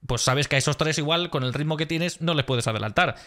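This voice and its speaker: A man's voice: fast talker, fairly bright tone. Emphatic man. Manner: emphatic, exasperated retelling with rising pitch. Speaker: motorsport vlogger. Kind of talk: post-race analysis vlog.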